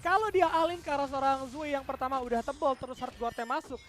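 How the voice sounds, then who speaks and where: A woman doing esports play-by-play commentary as an excitable fighting game announcer. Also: high voice, quick pace, a little hiss or hum.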